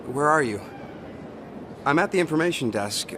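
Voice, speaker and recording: A man leaving a voicemail from an airport in a scripted language-lesson dialogue, keeping the message brief and hurried after the tone. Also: on the high side, lively intonation, noisy background, close to an everyday voice. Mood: urgent. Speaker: caller.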